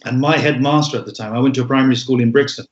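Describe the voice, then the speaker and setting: A man in his forties, born in Bangladesh, talks through his answers as an interview guest. He is reflective and often pauses to restart a thought. His voice sits at a middle pitch, and the echoey room is recorded with a dull, muffled tone. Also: fairly even intonation, a little hiss or hum. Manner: reflective, frequent ums and restarts. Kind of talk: interview conversation.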